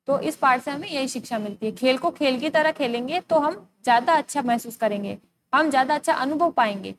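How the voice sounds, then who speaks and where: A woman's voice: high voice, background noise. A young woman teacher with an Indian accent, reading a school story aloud and explaining each hard word to young children. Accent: Indian Hindi.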